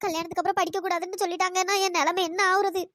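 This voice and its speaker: Woman voicing a weepy young cartoon bride, super high squeaky voice, talks fast and pleading, dry close sound. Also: flat delivery, fairly bright tone, no echo. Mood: upset. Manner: tearful, pleading. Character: anxious young bride crying before her wedding. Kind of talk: cartoon storytelling voice.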